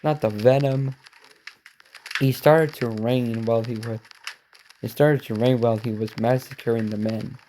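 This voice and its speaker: Male reaction host; reads a story aloud haltingly, self-corrects, drops quick asides; mellow tone. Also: mid-range voice, fairly even intonation, a little hiss or hum.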